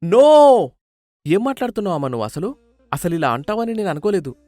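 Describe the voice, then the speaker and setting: A man's voice: sits high, sing-song, very fast, no room sound, soft background music, voice pushed up. A man voicing a melodramatic young son who weeps at the idea of marriage, with a whiny, tearful manner.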